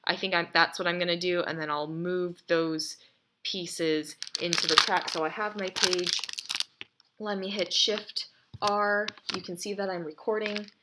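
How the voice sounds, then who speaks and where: A woman's voice: on the low side, steady tone, measured pace, heavy background noise. A woman walks through editing her voice recordings step by step, explaining each click and rereading sentences she wants to fix. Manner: explains each step aloud, then reads test takes. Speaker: audio editing tutor. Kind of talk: screen-recorded software tutorial. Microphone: desk mic, then a quieter built-in mic.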